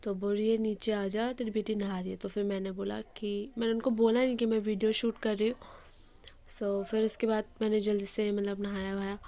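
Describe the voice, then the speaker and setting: A young woman with a hoarse voice, chatting casually as she narrates her day in a home vlog. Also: medium pitch, little pitch movement, brisk, mellow. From Bengali family. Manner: chatty, rambling with fillers. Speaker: vlogger.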